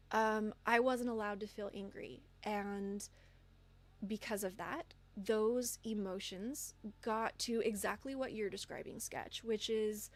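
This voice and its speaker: Earnest woman streamer. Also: mid-range voice. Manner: earnest and open, with many ums. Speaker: livestreamer. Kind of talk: candid advice talk to live chat.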